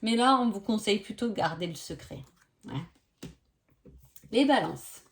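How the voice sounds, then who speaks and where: A woman's voice: mid-range voice, animated, normal speed, vocal fry. Chatty French-speaking woman reading oracle cards. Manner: chatty, many hesitations and tag questions. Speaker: oracle card reader. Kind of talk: casual astrology reading by sign.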